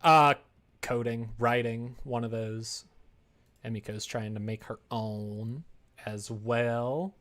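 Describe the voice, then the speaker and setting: This man is livestreaming while making a visual novel, casually thinking aloud as he browses. His voice is medium-pitched, steady and fairly bright, and slow. He mutters to himself and adds playful asides and sound effects.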